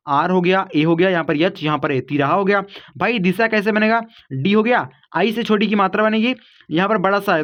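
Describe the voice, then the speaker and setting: A man's voice: high-pitched, dull audio. A man teaching an online spelling lesson, explaining patiently step by step and calling his viewers kids and guys.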